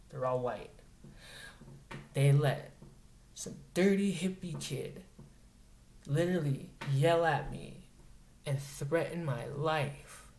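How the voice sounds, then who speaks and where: A man's voice: medium pitch, a little mellow. A man tells a story in a blunt, profane and emphatic way, in a casual monologue. The room is echoey and a faint noise sits behind him. He sounds like a man from Montana speaking in his plain voice. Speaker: vlogger.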